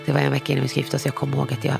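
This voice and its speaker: A woman's voice: extremely low pitch, monotone, creaky. A woman in her thirties frankly telling her own story, often acting out the lines of the people in it. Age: 30s. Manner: frank, emotional, acts out quoted dialogue. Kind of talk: personal storytelling. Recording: music playing underneath.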